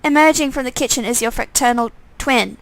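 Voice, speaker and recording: Gravelly woman reading a game aloud. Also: a little high, fairly quick, no echo, rough recording. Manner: steady second-person narration with small slips. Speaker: streamer reading a visual novel.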